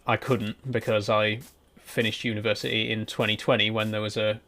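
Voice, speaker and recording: During a casual live stream of a building game, a man in his twenties rambles in a relaxed way and replies to messages from his chat while playing. He has a lowish voice and talks at a moderate pace over heavy background noise.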